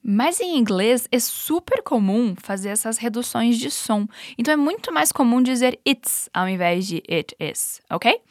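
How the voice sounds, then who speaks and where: A woman with a Brazilian Portuguese accent, an upbeat, encouraging English teacher running clear repetition drills. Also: fairly high pitch, lively intonation, unhurried, few pauses, no echo, clean studio sound. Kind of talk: language lesson with repetition drills.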